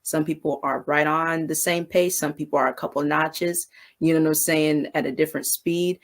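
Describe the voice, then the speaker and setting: A woman mentor giving a casual, high-energy devotional talk on business relationships, often asking "you know what I'm saying". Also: steady tone, normal speed. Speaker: faith-based business mentor.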